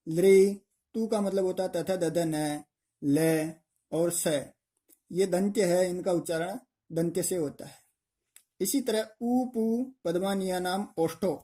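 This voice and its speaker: A man's voice: high voice, mellow. A man teaching pronunciation for exams, explaining step by step and asking and answering his own questions. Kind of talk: exam-prep grammar lesson.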